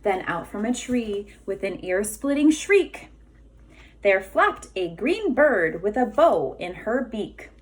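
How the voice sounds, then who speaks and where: A female kindergarten teacher reads a children's storybook aloud with expression, in a mid-range voice with big pitch swings. She is deliberate and emphatic and pauses for questions.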